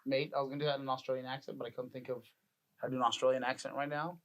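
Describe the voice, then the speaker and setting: Thirties male podcast co-host, loose rambling delivery, quick to laugh. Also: medium pitch, flat delivery, highs cut off. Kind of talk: casual chat.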